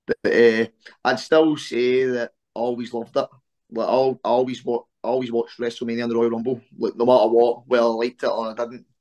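A man's voice: medium pitch, a little fast, highs cut off. Young Scottish man on a video call. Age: 20s. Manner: relaxed, many "eh" fillers. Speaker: interview guest, wrestler. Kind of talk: casual interview chat. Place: small room at home on a video call.

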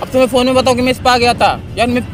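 Teasing young man over loud music. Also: very high-pitched, flat delivery, very fast. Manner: teasing, laughing, pleading. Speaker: prankster vlogger. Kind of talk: casual prank chat with girlfriend. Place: outdoors in a park.

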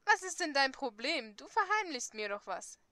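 A woman playing a cocky, rebellious teenage boy in a dating game, mocking and gruff. The voice is high and bright, with no room echo at all. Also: big pitch swings, moderate pace, exaggerated voice. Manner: teasing, gruff, curt.

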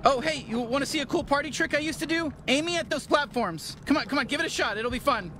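An actor playing a nervous, excitable living alien gun in a video game, stammering and rambling as he chatters. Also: very high-pitched, quick pace, loud music behind the voice. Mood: giddy, excited.

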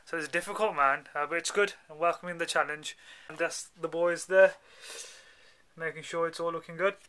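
A man's voice: fairly high pitch, steady tone, moderate pace, pushed and bright. A young man with a British accent keeping a casual video diary in an informal, matey, slangy way. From England. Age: young adult. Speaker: film actor, vlogger. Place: dubbing studio rooms and inside a parked car. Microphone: handheld camera at arm's length.

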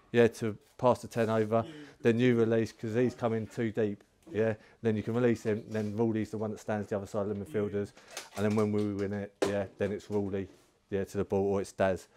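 A man's voice: on the low side, little pitch movement, brisk, dark tone. A man, a football coach giving a direct, swearing, rallying team talk outdoors at a ground. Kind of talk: pre-match team talk.

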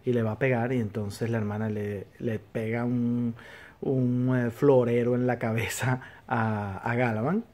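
A man's voice: mid-range voice, little pitch movement, measured pace, a little mellow. A man casually recapping a TV episode as a series reviewer, rambling along with fillers and restarts.

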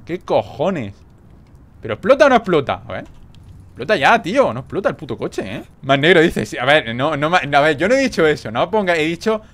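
A young man from Spain with a Castilian accent reacts to a game as he plays. His voice sits fairly high and swings widely up and down. He bursts into exclamations and swears freely. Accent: Spain Spanish. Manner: excitable, swearing, quick exclamations. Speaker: gaming YouTuber. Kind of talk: gameplay commentary.

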